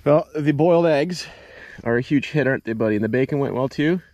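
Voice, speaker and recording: A man's voice: medium pitch, brisk, background noise. A man in his thirties making a casual camping vlog, chatting to the camera with lots of ums and uhs, outdoors beside a cornfield. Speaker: outdoor vlogger and dad. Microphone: handheld action camera at arm's length.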